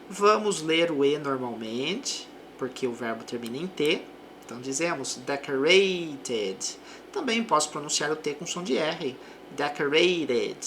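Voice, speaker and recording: A woman teaching an English lesson, reading example sentences slowly and then explaining them more quickly. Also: deep voice, fairly bright tone, slight background noise. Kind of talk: language lesson.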